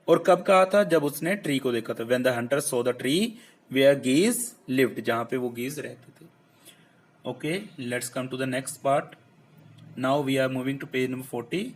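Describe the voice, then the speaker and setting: Indian male teacher, slightly high voice, unhurried bilingual classroom explainer. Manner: reads English lines slowly and clearly, then explains in Hindi. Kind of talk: Hindi-English lesson explaining a textbook.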